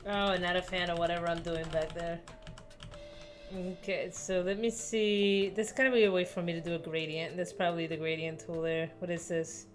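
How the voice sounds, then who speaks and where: A woman's voice: lowish voice, level tone, moderate pace, soft background music. A young woman talking herself through a digital drawing, muttering and poking fun at her own work. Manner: self-deprecating, muttering to herself. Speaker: artist. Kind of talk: casual art-process commentary.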